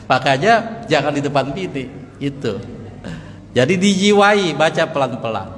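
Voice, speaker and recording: Animated preacher in echoey mosque. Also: male voice, on the high side, normal speed, a little hiss or hum. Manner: lively, joking, chants Quran verses in melody. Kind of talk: sermon.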